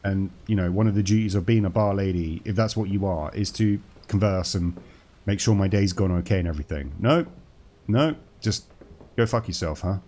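Lower-voiced man joking through a horror game. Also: normal speed, dark tone. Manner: chatty and joking, talks to the game characters. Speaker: gaming channel host. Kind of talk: horror game playthrough commentary.

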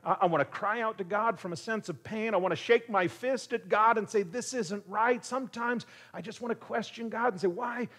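A man's voice: high-pitched, brisk, few pauses, sharp tone. A man, a pastor, preaching a conversational sermon full of rhetorical questions. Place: church.

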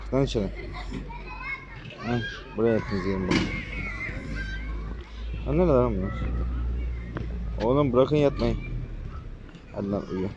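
A young man giving casual gameplay commentary as a gaming YouTuber, talking in a rough, slangy and bossy way to the characters on screen. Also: mid-range voice, a little slow, long pauses, muffled recording, background noise.

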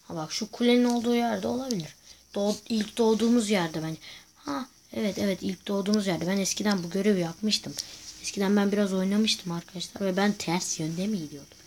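A man's voice: high voice, fairly quick, vocal fry, slight background noise. A man giving casual gameplay commentary to viewers, chatty and full of crude jokes. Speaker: gaming YouTuber host.

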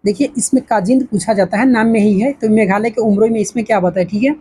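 A woman's voice: medium pitch, fast talker, dark tone, husky. A woman teaching an exam-prep lesson, asking questions and answering them herself. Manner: repetitive, asks and answers her own questions.

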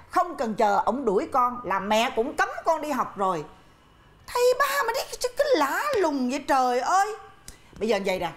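Actress in her sixties as a fussy, fast-talking sitcom mother, high and animated. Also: natural voice. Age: 60s. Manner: fussy, excitable, quick to scold. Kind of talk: sitcom acting.

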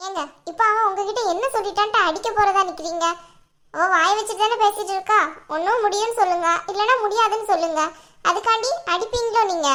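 Woman as a bossy cartoon mother, bright and sharp, fast to scold, quick to soften. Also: very high-pitched. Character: scolding mother, sharp-tongued but caring. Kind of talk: cartoon voice acting.

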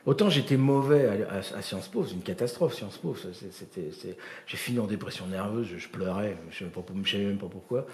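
A middle-aged man giving a comic storytelling lecture, animated and full of imitated voices and sounds, with many restarts. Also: on the low side, a little fast, reverberant. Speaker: performer of a gesticulated lecture.

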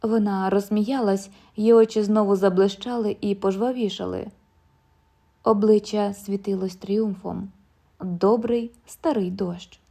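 A woman narrating a literary audiobook in a measured, calm storytelling manner. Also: medium pitch, vocal fry.

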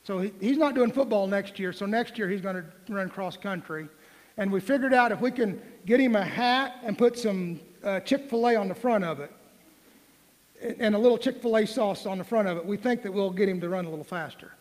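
A man's voice: sits high, brisk. A man in his forties preaching a sermon in a church, folksy and joking, then pressing the room with emphatic questions. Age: 40s. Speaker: pastor. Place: church sanctuary. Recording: long reverb of a church hall.

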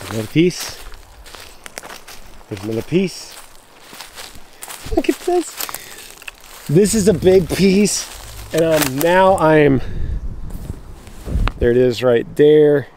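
With slight background noise around him, a man with a little high voice vlogs while walking through rural woods, handheld camera in hand. He's showing storm damage, talking excitedly to viewers he calls "guys" and breaking off mid-sentence before starting again.

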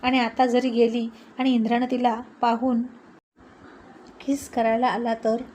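Woman narrating a story, fairly high voice. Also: measured pace, slight background noise, rough recording. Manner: steady storytelling.

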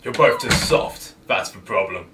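A man's voice: low voice, unhurried, background noise. A man playing a scheming young school rebel who talks smugly and dramatically. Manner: smug, dramatic. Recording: roomy, distant recording.

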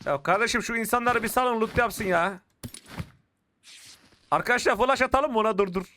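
A young man commentating his mobile shooter game, getting frustrated and shouting at opponents. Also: sits high, normal speed, slight background noise. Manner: excitable, frustrated outbursts while playing. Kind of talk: live gameplay commentary. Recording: clear game gunfire behind the voice. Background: shooter game gunfire and clicks.

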